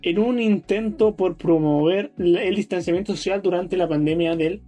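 A man's voice: high-pitched, normal speed, mellow, faint music behind. A young man with a Chilean accent reading news items aloud in a casual comedic chat, stumbling over names and swearing. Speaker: podcast co-host reading news.

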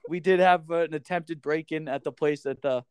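A man's voice: fairly high pitch, fairly even intonation, brisk, darkish tone, clean tone, no room sound, studio quality. A man co-hosting a casual podcast, swearing freely and acting out quotes as he tells stories. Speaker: podcast co-host.

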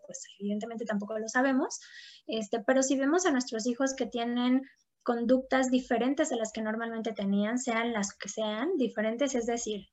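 High-voiced woman, talkative psychologist. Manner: talkative, acts out quoted voices, frequent "¿no?". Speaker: psychologist guest. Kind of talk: conversational explanation with anecdotes. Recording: dull lo-fi sound.

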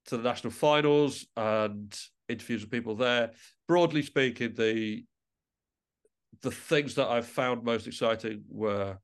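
A man with a mid-range voice is interviewed as a musician guest, reflecting on things in a halting way and often reworking his sentences partway through.

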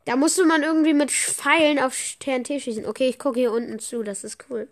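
A woman chatting casually while playing a game for her podcast, excitable and chatty, with frequent slang exclamations. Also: high voice, fairly quick. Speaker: gaming podcaster. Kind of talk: casual gameplay commentary.

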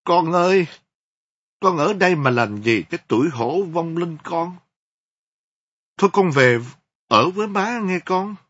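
A man's voice: on the high side, animated, measured pace, long pauses, a bit bright, breathy edge, dry recording, pitched above the performer's own voice, heavily acted. A man voicing a grieving woman near sixty who speaks through tears to her dead son, on a dull lo-fi recording. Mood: wailing grief. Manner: tearful wailing.

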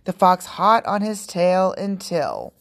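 A woman hosting a podcast, reading a children's book aloud in a calm, clear, steady way. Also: lowish voice, slow pace. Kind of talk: storybook read-aloud narration.

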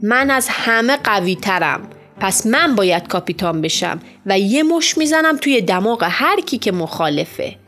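A woman's voice: mid-range voice, sing-song, a bit bright, faint music behind. A woman voicing a strong, boastful schoolboy who threatens the others, in an audiobook. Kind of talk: audiobook character voice.

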